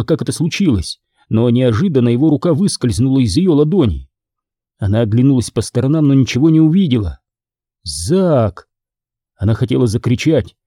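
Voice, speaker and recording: A male audiobook narrator reads with dramatic, expressive delivery and a lively melody. His voice is very dark and husky, recorded close and dry. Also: mid-range voice, no echo. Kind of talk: scripted narration.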